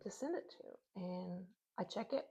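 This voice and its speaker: A woman's voice: fairly low pitch, measured pace, creaky, warm tone, slightly rough. A woman in her fifties co-hosting a casual faith chat, losing her voice, repeating herself and trailing off, who also reads a prayer aloud. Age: 50s. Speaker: podcast co-host. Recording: dull lo-fi sound.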